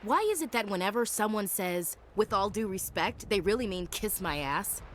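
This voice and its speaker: A woman's voice: sits low, moderate pace, a little hiss or hum, natural voice. A woman voicing a brash female gunnery chief. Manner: sarcastic and brash. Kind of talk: video game dialogue.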